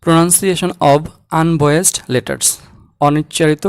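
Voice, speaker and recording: A man teaching English pronunciation, saying example words slowly and repeating them. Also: on the high side, steady tone, smooth, dry recording. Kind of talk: slow, deliberate language lesson.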